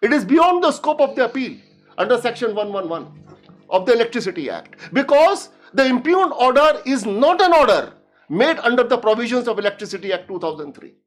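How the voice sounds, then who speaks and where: A woman lawyer making a formal courtroom argument, reading legal text deliberately and emphatically, repeating key phrases. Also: a little high, very animated, faint music behind. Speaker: lawyer arguing before a judge. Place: courtroom live stream.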